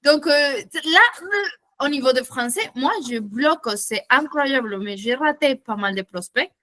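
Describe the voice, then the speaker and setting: A woman's voice: high voice, animated, unhurried, pushed and bright. A woman from Latin America, speaking with a Latin American accent, talking hesitantly and self-consciously as a trainee in a casual group chat.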